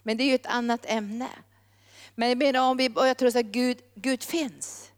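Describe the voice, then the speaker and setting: A woman's voice: fairly high pitch, steady tone, long reverb tail. A woman preaching a sermon, emphatic and rising to fervent, repeated calls.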